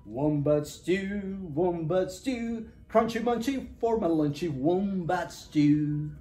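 A storyteller voicing a sly, excitable dingo from a children's storybook, exclaiming and singing theatrically. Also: medium pitch, very slow, creaky, echoey room, soft background music, pitched above the performer's own voice, exaggerated voice. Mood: gleeful singing. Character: sly, excitable male dingo cooking wombat stew.

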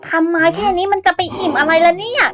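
A woman's voice: extremely high pitch, fast talker. A woman voicing a bossy, demanding young wife in a cartoon dub, impatient and ordering her husband around, over background music. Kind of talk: cartoon dubbing.

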